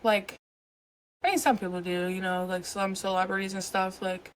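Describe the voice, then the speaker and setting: A woman's voice: mid-range voice, little pitch movement, moderate pace, slight background noise, low-quality recording. A young adult woman co-hosting a podcast, joking and supportive in casual chat, with plenty of fillers. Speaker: podcast co-host.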